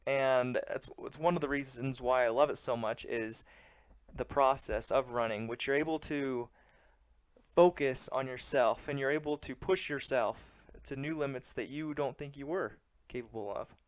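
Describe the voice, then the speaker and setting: Clear-voiced man narrating a training vlog. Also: medium pitch, moderate pace, no echo. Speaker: running vlogger.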